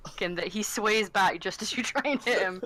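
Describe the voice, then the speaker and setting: A woman's voice: medium pitch, brisk, crowd noise, poor audio. A Scottish woman narrating a tabletop game as game master, chatty and laughing often. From Scotland.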